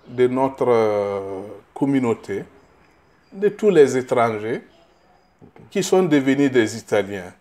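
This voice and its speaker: This middle-aged political candidate from Burkina Faso fields interview questions in a mid-range, dark-toned voice. He halts and repeats words while searching for what to say, then becomes emphatic.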